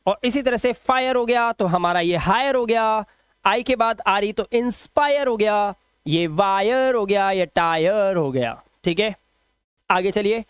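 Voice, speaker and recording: A man teaching English pronunciation rules step by step. He stretches each example word out slowly, repeats it, and keeps checking that the listener follows. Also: high-pitched, expressive, clean tone, no room sound, studio quality. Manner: patient, step-by-step explaining with frequent checks.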